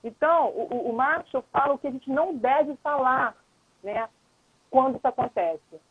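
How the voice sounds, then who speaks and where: Woman, high voice, husky, patient explainer, dull lo-fi stream audio. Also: animated, moderate pace, no echo. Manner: explains patiently, often tags questions with "né?". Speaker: lawyer and mediator, guest. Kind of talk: explanatory casual chat on a live stream.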